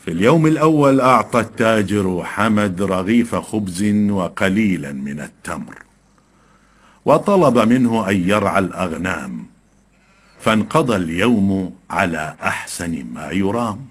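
A man narrating a folk tale in a calm, measured storytelling voice. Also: lowish voice. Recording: background music.

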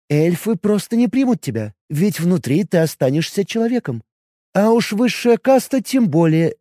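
A man voicing a proud, scornful young high-elf woman rogue in an audiobook, silky and condescending. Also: mellow, no echo, clean studio sound. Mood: haughty. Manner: silky, condescending, turns sharply imperious.

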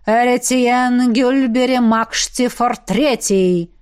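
A woman voicing a booming, stern death-master man. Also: slow pace. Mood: commanding. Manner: booming, gruff, commanding.

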